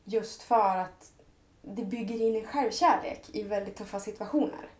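A woman's voice: mid-range voice, a little mellow. Earnest woman in an echoey room. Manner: earnest, heartfelt, speaks in long flowing thoughts. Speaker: podcast guest. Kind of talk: reflective personal conversation.

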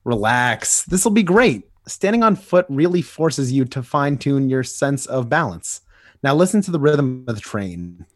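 A man's voice: medium pitch, very animated, unhurried, dry recording, clean studio sound. A man voicing Nightwing, a cocky young male hero who teases his younger partner, in a dramatic comic reading. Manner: teasing, easygoing big-brother banter.

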